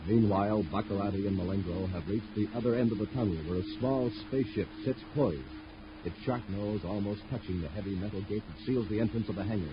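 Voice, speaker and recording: On an old, muffled radio recording with faint noise, a man with a lowish voice talks fast. He announces and narrates in 1950s radio fashion, with an emphatic, dramatic showman delivery.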